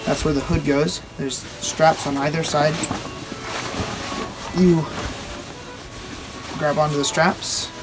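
A young man giving a casual, halting show-and-tell as a video host, recorded outdoors at a short distance from the camera. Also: on the high side, level tone, music in the background. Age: teenager or young adult. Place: outdoors on a wooden backyard deck.

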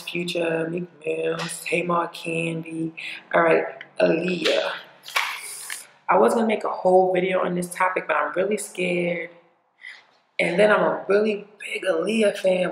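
Blunt, gravelly woman ranting. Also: on the low side, fairly bright tone, roomy sound, rough recording. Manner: blunt, profane, rambling rant. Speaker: vlogger. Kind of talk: casual opinion vlog.

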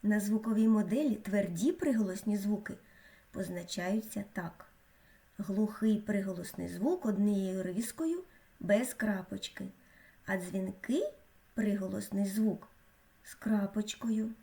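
Mellow-voiced woman narrating a lesson. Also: medium pitch. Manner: slow, clear, teacherly delivery with careful pronunciation. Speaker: teacher. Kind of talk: scripted educational narration.

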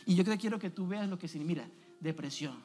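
A man's voice: high-pitched, fast, warm tone, faint music behind. A man preaching a sermon as an evangelist in a church, speaking emphatically and asking the congregation direct questions.

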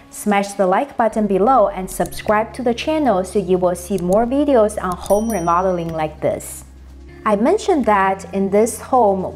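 A woman hosting her own channel, calmly walking through renovation costs in a steady, matter-of-fact delivery. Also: mid-range voice. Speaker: house flipper, channel host. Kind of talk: scripted cost walkthrough.

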